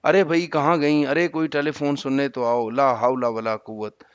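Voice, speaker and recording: A man's voice: mid-range voice, level tone, smooth, no room sound, dull audio, pitched below the performer's own voice, close to an everyday voice. A man voicing a sick, irritable middle-aged husband who grumbles and snaps curtly. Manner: grumbling, curt.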